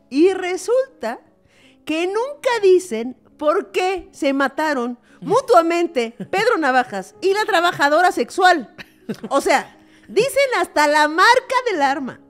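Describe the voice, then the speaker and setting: A young woman with a Mexican accent and a high, bright voice co-hosts a casual podcast. Her pitch swoops widely as she jokes and teases. Faint music plays behind her. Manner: playful, joking, teasing. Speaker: podcast co-host. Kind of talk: casual chat and monologue.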